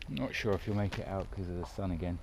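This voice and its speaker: A man's voice: low voice, fast, background noise. A man out of breath, chatting casually as he films himself hiking down a steep mountain trail outdoors. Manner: chatty, breathless, loose and informal. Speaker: hiking vlogger. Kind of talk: casual hiking vlog commentary.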